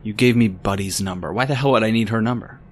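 Man playing a low-voiced, weary noir detective. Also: fast, a little hiss or hum, lightly acted. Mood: exasperated. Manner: wry, exasperated, hardboiled. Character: world-weary, sarcastic male private detective, brooding and stubborn. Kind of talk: noir audio drama narration and dialogue.

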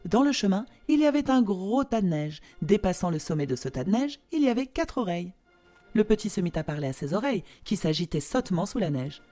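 A woman reads a fairy tale aloud, with slow, expressive storybook narration. Her pitch sits in a middle range for a woman. Faint music plays behind her.

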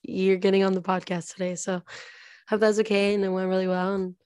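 A young woman with a slightly raspy voice co-hosts a podcast, chatting in a bubbly, effusive way. Her voice sits at a middling pitch, recorded dry with no room sound. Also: flat delivery, fairly quick, darkish tone, no room sound. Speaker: podcast co-host. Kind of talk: casual chat.

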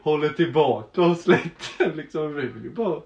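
A man's voice: a little high, lively intonation, vocal fry. A young man co-hosting a casual podcast, telling stories with laughter and plenty of swearing. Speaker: podcast co-host. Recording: roomy, dull lo-fi sound.

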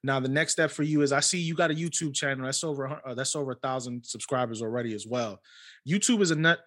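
A man's voice: mid-range voice, fast, fairly bright tone. A man hosting a podcast, giving a guest encouraging advice in casual conversation. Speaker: podcast host. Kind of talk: casual interview chat.

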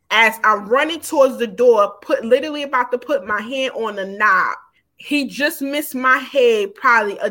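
A woman in her forties with a fairly high voice talks as a podcast guest. She tells her own story openly and informally, in long run-on stretches full of "um" and "like". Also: sharp tone. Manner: frank, informal, run-on telling with many fillers. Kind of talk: candid personal storytelling.

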